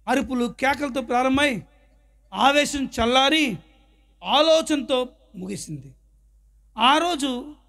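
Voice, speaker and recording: Very high gravelly man preaching, dramatic storyteller. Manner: dramatic storyteller, acts out shouted quarrels. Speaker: pastor. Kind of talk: sermon with personal testimony.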